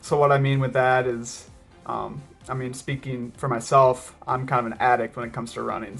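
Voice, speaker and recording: A man talking casually as a running vlogger, reflective and hesitant, often pausing mid-thought. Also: mid-range voice, a bit bright. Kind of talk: casual vlog talk to camera.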